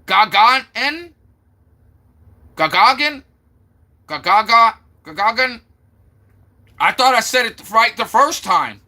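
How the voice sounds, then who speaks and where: A man's voice: very high voice, animated, slow, pauses often, bright, forceful tone. A man from Florida chatting casually on a live stream, talking to viewers and sounding out their names over and over. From Florida, USA.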